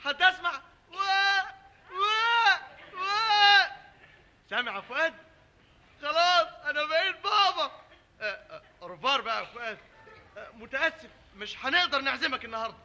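A lazy Egyptian husband who lives for free meals. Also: male voice, very high voice, pushed and bright, highs cut off, heavily acted. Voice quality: joking, playfully sly. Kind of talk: vintage radio comedy sketch.

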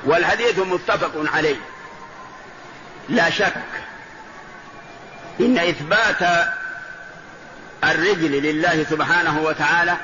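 A man with a slightly high voice teaching a religious lesson in a measured, explaining way, often turning to pointed rhetorical questions. The sound is a muffled old lecture tape with a loud steady hiss behind him.

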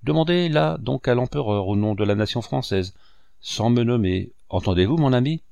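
A man reading the part of a calm, kindly young male courtier, speaking in a soothing, reasonable way. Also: medium pitch, normal speed, vocal fry, no room sound.

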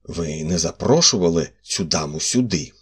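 A man voicing a fussy, sentimental older examining magistrate with a husky voice and an officious manner. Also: deep voice, animated, normal speed, full character voice. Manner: indignant, then indulgent.

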